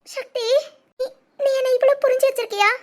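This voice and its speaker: A voice actor playing an emotional young wife in a cartoon, who talks between sobs and soft pleas. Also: very high-pitched, fairly even intonation, brisk. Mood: tearful, grateful. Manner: sobbing, clinging pleas. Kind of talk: cartoon voice acting.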